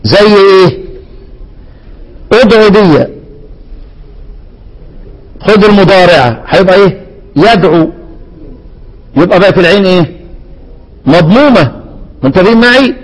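A man with an Egyptian Arabic accent teaches recitation rules in a high voice. He keeps quizzing his listeners and answering himself, and he lifts his pitch to chant each quoted word. A long reverb trails behind his voice. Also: lively intonation, a little slow, long pauses. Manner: asks the class questions and answers them himself, with frequent restarts; chants quoted verse words at a raised pitch. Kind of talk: explanatory lesson on recitation rules.

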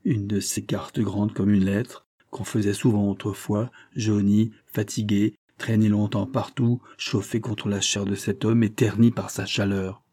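A male audiobook narrator with a dark, husky, low voice, reading literary prose in a measured, expressive way. The recording is dry and close. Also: no echo.

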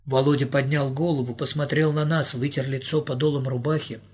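A man reading an audiobook aloud with ironic, theatrical narration and a husky voice. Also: mid-range voice, level tone, a little fast, a little mellow. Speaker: audiobook reader.

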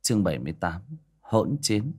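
Lively low-voiced male storyteller. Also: a little fast, slightly rough. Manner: animated, dramatic reading. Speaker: audiobook narrator. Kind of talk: storytelling narration.

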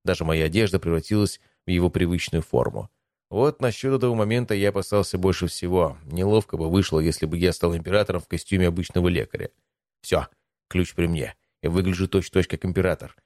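A man narrating a first-person audiobook in an even, measured reading. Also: sits low, dry recording, clean studio sound.

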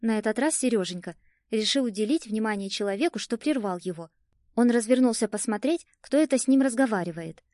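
A woman narrating a first-person audiobook in a lively, expressive storytelling manner. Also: a little high, fairly quick, dry recording, studio quality.

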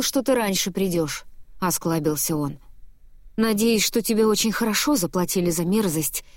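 A woman narrating a first-person audiobook in an expressive, lively storytelling manner, close to the mic. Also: lowish voice, dry recording.

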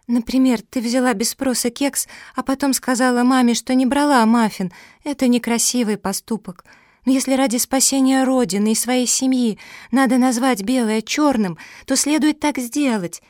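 A woman voicing a patient, wise older female dog in a storybook reading, calm and gently explaining. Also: high-pitched, moderate pace, dry recording, clean studio sound, close to an everyday voice.

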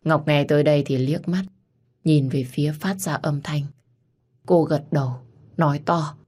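A woman narrating a somber romance audio story in a steady, scripted reading. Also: low voice, moderate pace.

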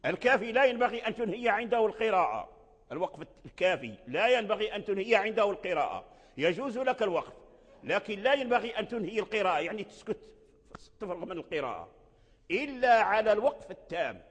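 A man giving a spoken lesson on the rules of Quran recitation. He halts and repeats words as he explains, and slows down to spell out examples. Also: high-pitched, very animated, fairly bright tone, slightly rough. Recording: long reverb of a hall.

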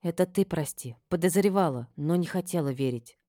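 A woman's voice: on the low side, brisk, mellow, no room sound, pitched above the performer's own voice, close to an everyday voice. Woman doing a sad earnest young noble girl, dry close sound. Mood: remorseful.

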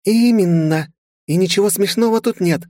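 A man's voice: medium pitch, expressive, a little fast, a little mellow, no room sound, clean studio sound, pitched above the performer's own voice, natural voice. A man voicing a stern, irritable female mentor who speaks in a raised, instructive tone.

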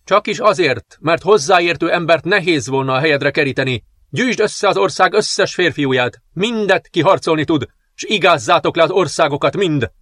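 A man voicing a vengeful dark princess. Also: on the high side, no room sound, studio quality, voice pushed up. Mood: commanding. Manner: raised, proclaiming, cursing. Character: vengeful sixteen-year-old dark princess, cold, commanding. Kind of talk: audiobook character reading.

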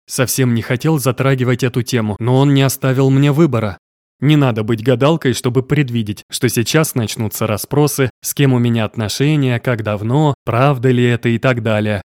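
A man's voice: medium pitch, a little fast, a little mellow, dry recording, clean studio sound. Man narrating a first-person audiobook.

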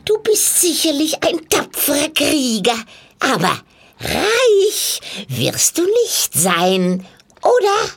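A woman voicing a sly, ugly old witch who croaks, cackles and coaxes. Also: huge pitch swings, slow pace, exaggerated voice. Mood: coaxing. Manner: wheedling, cackling, sudden shrill rises.

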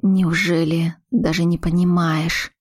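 A woman's voice: on the low side, level tone, darkish tone, slightly rough, no echo, clean studio sound. A woman reading as a remorseful aging mother queen. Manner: slow, heavy, measured speech. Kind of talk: audiobook character reading.

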